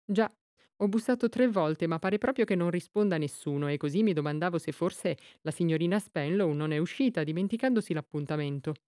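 A woman's voice: fairly low pitch, fairly quick, mellow, dry recording, studio quality, lightly acted. A woman voicing a tall, thin older female dressmaker with a thin, overly mannered voice, in an audiobook. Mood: polite, fretful.

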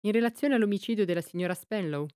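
A woman voicing a calm, shrewd elderly female amateur detective in an audiobook, speaking quietly. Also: mid-range voice, quick pace, smooth, no echo, clean studio sound, lightly acted. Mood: calm, dry.

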